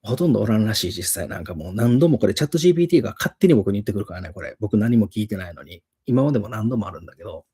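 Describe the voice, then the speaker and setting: 関西訛りの中年男性講師、くだけた一人語り、声は暗めで少しかすれ、抑揚は大きい。. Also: male voice, on the low side, very fast, few pauses, husky. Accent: Osaka dialect. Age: middle-aged. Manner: chuckles often, animated retelling. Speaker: English teacher. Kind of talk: casual storytelling monologue.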